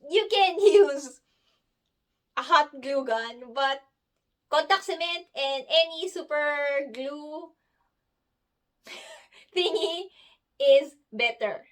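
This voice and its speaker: A woman's voice: high voice, slow. A woman in her thirties, giving a chatty, giggly crafting tutorial and correcting herself as she goes. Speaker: cosplay crafter. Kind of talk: casual tutorial.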